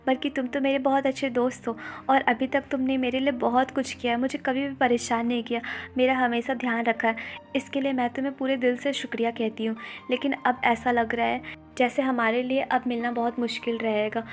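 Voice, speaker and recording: Frail gentle girl, soft and reassuring, woman's own voice, raised pitch, quiet music behind. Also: level tone, fairly quick, natural voice. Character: frail gentle young girl, hiding illness.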